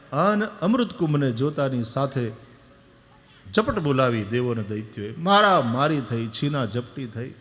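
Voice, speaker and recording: A man giving an animated devotional sermon, telling stories and moving from soft to loud. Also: mid-range voice. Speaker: katha preacher. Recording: long echo of a large hall.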